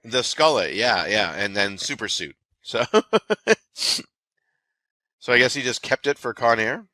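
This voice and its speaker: A man's voice: medium pitch, sing-song, a little slow, sharp tone, no echo. A man co-hosting a casual movie podcast who jokes around and laughs often. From Canada. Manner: laughs often, joking and chatty. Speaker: podcast co-host.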